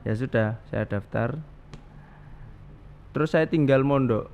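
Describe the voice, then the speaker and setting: Gravelly-voiced man. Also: mid-range voice, slow, a little mellow. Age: 30s. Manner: rambling, with many restarts and Javanese fillers. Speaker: guest. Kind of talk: casual interview. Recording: dull, slightly noisy studio audio.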